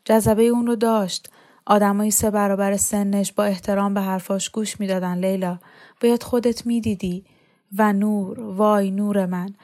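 A woman reading the part of a grieving mother who mourns her two sons, speaking softly and wearily. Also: mid-range voice, lightly acted. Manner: soft, weary, subdued.

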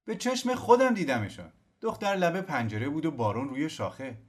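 A man's voice: a little high, big pitch swings, voice pushed up. A man reading an audiobook, voicing a gossiping village man who talks in a chatty, knowing way. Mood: gossipy.

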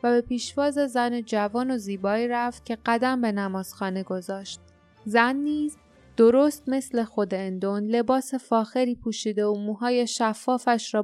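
A woman narrating an audiobook in a steady, measured reading voice. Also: on the high side, clear, resonant tone, dry recording.

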